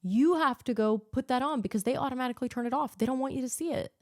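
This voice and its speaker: A woman's voice: sits high, quick pace, darkish tone, dry recording, studio quality. A woman from the United States hosting a podcast, delivering an earnest, ranting political monologue full of filler words. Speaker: podcast host.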